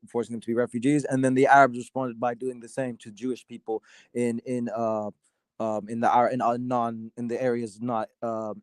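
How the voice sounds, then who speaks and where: A man from Sudan arguing his side in a casual debate, halting often with fillers and restarts. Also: medium pitch, darkish tone, clear, resonant tone, no echo. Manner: hesitant, many fillers and restarts. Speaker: debate guest.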